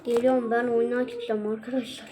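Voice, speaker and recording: A woman's voice: on the high side, little pitch movement, brisk, noisy background. A young woman chatting casually and exclaiming as she plays a mobile game for her channel. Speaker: gaming channel host.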